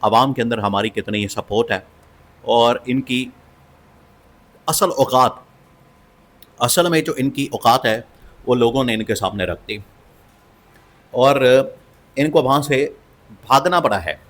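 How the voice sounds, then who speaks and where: A man's voice: mid-range voice, slow, long pauses, a bit bright. A man giving opinionated political commentary, emphatic and scornful, and he repeats phrases for stress.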